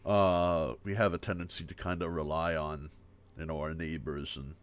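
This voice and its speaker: An American man giving a casual livestream language lesson, repeating each example word slowly and chatting between them. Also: extremely low pitch, level tone, smooth. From United States. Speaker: streamer teaching a language. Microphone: streaming mic.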